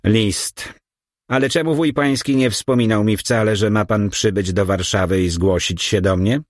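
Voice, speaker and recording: A man voicing a suspicious, cunning old baron of about sixty with a squeaky, croaking voice in an audiobook. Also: moderate pace, no echo, clean studio sound, lightly acted. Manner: suspicious, sly questioning. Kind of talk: audiobook character voice.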